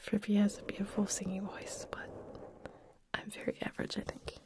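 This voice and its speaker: A woman hosting an ASMR live stream, whispering softly as she reads out chat questions and answers them in a chatty way with lots of fillers. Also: medium pitch, completely flat delivery, normal speed. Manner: chatty with frequent fillers and restarts. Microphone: ASMR microphone with wind guards.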